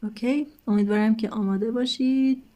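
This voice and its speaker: A woman's voice: a little high, fairly even intonation, dark tone. A woman teacher explaining an English textbook lesson step by step, patiently addressing her students.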